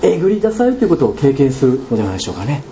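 A man with a Kansai accent preaching a sermon as a pastor, telling a story with animated sound words and questions to the congregation. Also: mid-range voice, racing. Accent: Kansai Japanese. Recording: dull lo-fi recording with faint room noise.

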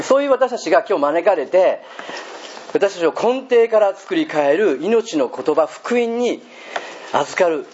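A man's voice: sits high, darkish tone. A man preaching a sermon as pastor, chatty and joking, often turning to the congregation with questions. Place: church hall. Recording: dull lo-fi recording with faint hiss.

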